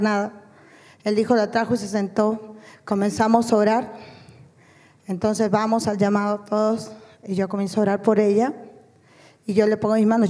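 A woman's voice: on the high side, warm tone. A woman giving an earnest, emotional church testimony about a mission trip, repeating words for emphasis. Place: church hall. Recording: long hall reverb.

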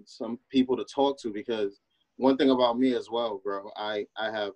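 A man's voice: medium pitch, steady tone, moderate pace, a little mellow, dry recording, lo-fi sound. A man hosting a podcast in an informal, conversational way, repeating phrases for emphasis. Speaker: podcast host.

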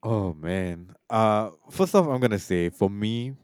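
A man with a very low, warm and mellow voice talks through a film in a loose, rambling way, full of fillers and restarts. His delivery is casual and unhurried. The recording is dry and close. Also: lively intonation, clean tone, no echo. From Malaysia and Singapore.

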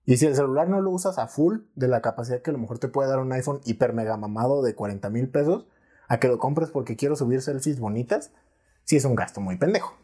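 A man's voice: medium pitch, fast talker, mellow, slightly rough. A young Mexican man co-hosting a casual podcast, arguing his views with plenty of swearing and laughter. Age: young adult. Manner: opinionated, swears freely, laughs often. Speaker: podcast co-host. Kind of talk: casual chat.

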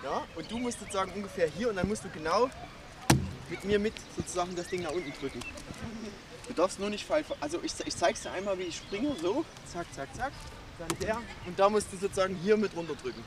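A man's voice: sits high, quick pace, close to an everyday voice. A man doing a rambling boy far from the mic. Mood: eager. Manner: rambling, keeps saying "sozusagen". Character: eager boy explaining his dive off the tower. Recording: distant with loud noise.

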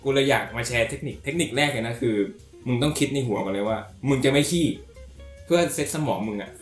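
Young male co-host, rapid delivery, brash crude humor, echoey room with faint music. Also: mid-range voice. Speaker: podcast co-host. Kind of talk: casual chat.

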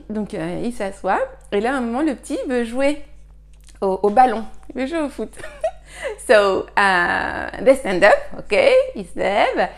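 Chatty woman teaching English. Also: a little high. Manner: chatty, many fillers, spells words out slowly. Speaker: English teacher and podcast host. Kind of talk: casual spoken lesson.

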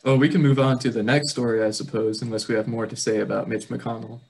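A young man co-hosting a casual political podcast, speaking in a measured way with frequent "um" as he moves the topics along. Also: mid-range voice, little pitch movement, creaky, darkish tone, slight background noise, poor audio. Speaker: podcast co-host.

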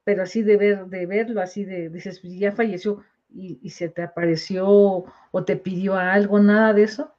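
A woman's voice: medium pitch, fairly even intonation, moderate pace, a little mellow. Lady host asking questions, muffled lo-fi sound, nudging the guest along. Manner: prompting, encouraging, short backchannels. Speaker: host, interviewer. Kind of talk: interview questions.

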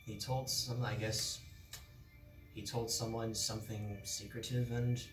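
A man playing a tabletop game, improvising in character in a halting, hesitant way. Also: fairly low pitch, flat delivery. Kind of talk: improvised role-play chat. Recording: echoey room, distant mic, music behind.

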